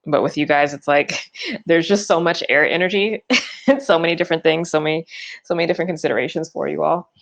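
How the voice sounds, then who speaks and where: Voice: medium pitch, fast talker, vocal fry, fairly bright tone. A tarot reader giving a loose, chatty forecast, full of fillers and restarts and yawning often.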